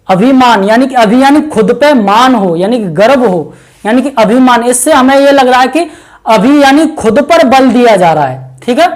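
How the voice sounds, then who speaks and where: High-voiced woman teaching grammar. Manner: explains step by step, repeats "देखिए" and "क्या है" as fillers; addresses viewers as friends. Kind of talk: exam-prep lesson.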